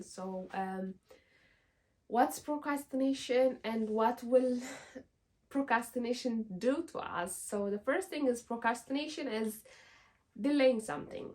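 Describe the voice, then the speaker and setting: This young Ethiopian woman, a vlogger whose first language is Amharic, speaks English in an earnest, encouraging self-help vlog. Her talk is full of "like" and "you know." Her voice is fairly high with a darkish tone.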